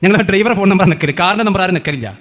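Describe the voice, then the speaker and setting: A man's voice: high-pitched, a bit bright. A man giving a heated religious rebuttal, mocking and firing off rhetorical questions. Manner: sarcastic, mocking, rapid-fire questions. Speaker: religious speaker. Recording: echoey hall with long reverb.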